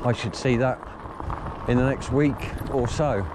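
A man's voice: mid-range voice, a little slow. A man chatting casually through a vlog outdoors in the countryside, rambling with lots of ums. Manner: rambling, many ums and essentially. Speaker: vlogger. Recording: outdoor recording with clear background noise.

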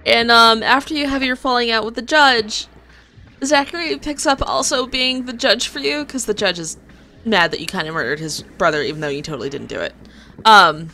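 A woman's voice: a little high, moderate pace, sharp tone, soft background music. A woman giving casual video game commentary as she plays, reading on-screen text aloud.

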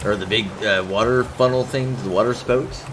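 A man's voice: medium pitch, normal speed, fairly bright tone, slight background noise, low-quality recording. A man hosting a game stream, chatting casually and cracking jokes, with the odd swear. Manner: laid-back, joking, swears casually. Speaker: streamer host. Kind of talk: casual gameplay chat.

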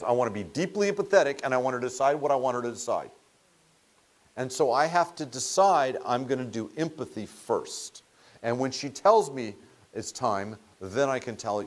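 A middle-aged man giving a seminar lecture to a small audience, telling stories in a conversational way and often restarting words mid-sentence. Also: medium pitch. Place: meeting room with audience.

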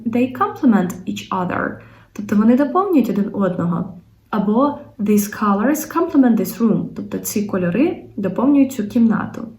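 A young woman English teacher with a Ukrainian accent goes through word pairs patiently, stopping often on little filler sounds. Her voice is mellow and dark, and it carries a roomy echo. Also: medium pitch. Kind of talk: explaining English vocabulary in Ukrainian. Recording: echoey room.

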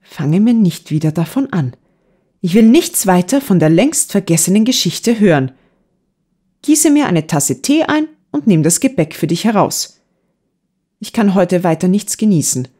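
A woman's voice: fairly low pitch, lively intonation, a little slow, mellow, slightly rough. A woman reading the lines of a lonely, embittered old lady who gives tired, curt orders in an audiobook. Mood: weary.

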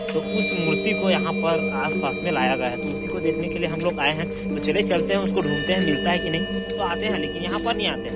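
A young man talking to his viewers in a casual travel vlog, chatty and playfully boastful, filmed outdoors on a handheld camera at arm's length. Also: on the high side. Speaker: vlogger. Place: outdoors, rural roads and temple grounds. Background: loud background music.

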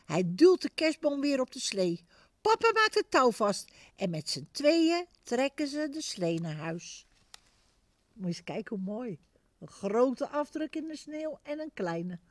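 A woman reading a Christmas picture book aloud to children, expressive and speaking to them directly. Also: high voice, a little slow, no room sound. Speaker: storyteller.

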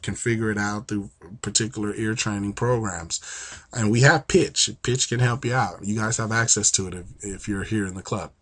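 A man's voice: medium pitch, fairly bright tone. A man hosting a casual piano lesson, talking energetically and checking in with viewers with "okay?" as he explains. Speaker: piano teacher and host.

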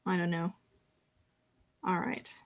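A woman's voice: on the low side, takes it slowly, gravelly, lo-fi sound. A woman running a casual live-stream painting lesson, chatting and talking to herself as she works. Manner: chatty, self-talking while working. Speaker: painting instructor.

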